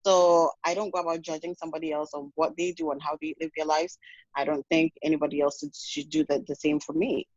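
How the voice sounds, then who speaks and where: A woman's voice: sits low, a little fast, darkish tone, no room sound. Woman from Ghana, podcast guest; earnest, frank, self-correcting; lo-fi dry recording. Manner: earnest, frank, with many restarts and "you know". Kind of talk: casual podcast conversation.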